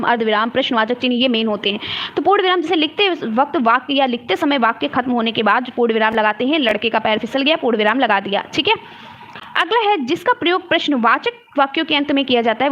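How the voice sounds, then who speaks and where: A woman's voice: sits high, fairly bright tone, highs cut off. A woman teacher explaining exam answers step by step and often checking in with her students. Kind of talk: exam-prep lecture.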